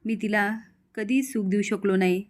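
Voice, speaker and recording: A woman's voice: mid-range voice, fairly even intonation, normal speed, close to an everyday voice. A woman voicing a remorseful village man who laments and blames himself. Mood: grieving. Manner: lamenting, self-blaming.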